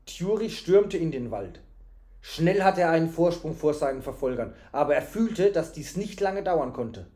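Man reading a story aloud, slightly high voice. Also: moderate pace. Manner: calm, explaining asides. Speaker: reader reading a story to a child. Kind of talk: reading a children's book aloud.

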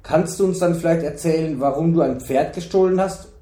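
A gruff, coarse knight, voiced by a man reading an audiobook, brusque and quick to lose patience. He presses his questions with a rough, demanding edge. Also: on the high side, warm tone, pitched above the performer's own voice. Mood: impatient.

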